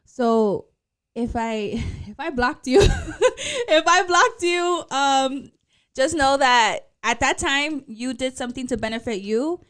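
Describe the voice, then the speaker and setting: A woman's voice: on the high side, fairly bright tone, smooth. A woman in her twenties co-hosting a casual podcast, chatting and laughing often and dropping Spanish phrases into her English. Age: 20s. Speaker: podcast co-host. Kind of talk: casual chat.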